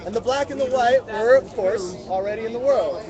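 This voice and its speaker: Reading fairly quickly in a very high voice, a man leads an interactive story session for a live group and prompts them to complete words. The sound is muffled, and this outdoor mobile livestream picks up music, crowd chatter, and street noise.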